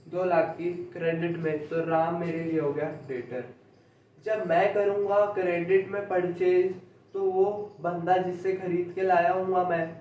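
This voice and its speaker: A young man teaching commerce in a slow lecture style, repeating each point and checking that his students follow. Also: sits high, lo-fi sound. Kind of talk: classroom lecture. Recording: echoey room, mic far off, faint noise.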